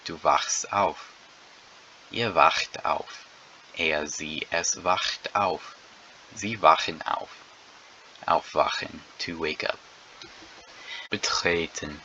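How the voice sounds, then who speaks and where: A man teaching a lesson, drilling verb conjugations word by word and repeating each one deliberately, with an occasional slip. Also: sits low, pushed and bright, muffled recording, a little hiss or hum. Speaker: language teacher.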